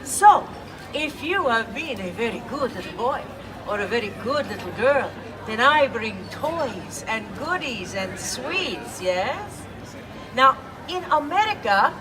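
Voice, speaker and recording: Woman as a kind old Italian-accented witch, high, swooping voice, slow storytelling, outdoor crowd behind, off-mic. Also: exaggerated voice. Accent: put-on Italian. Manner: playful, coaxing, asks children questions. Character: kindly old Italian witch who brings gifts. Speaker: costumed storyteller for children. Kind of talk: live in-character storytelling. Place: outdoors in a public urban space. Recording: distant outdoor recording with crowd.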